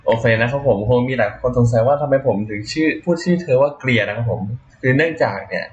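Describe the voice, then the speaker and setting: A young man hosting a gaming channel, commenting on a gacha game in a casual, excitable way, with frequent exclamations and polite sentence endings. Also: mid-range voice, fast, breathy edge, highs cut off. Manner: polite, ends lines with formal particles. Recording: game music playing behind.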